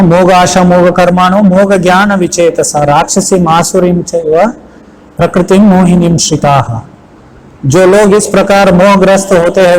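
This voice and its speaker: High-voiced man giving a scripture lecture. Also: darkish tone, low-quality recording. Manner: chants verses slowly, asks the listeners rhetorical questions. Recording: faint background noise.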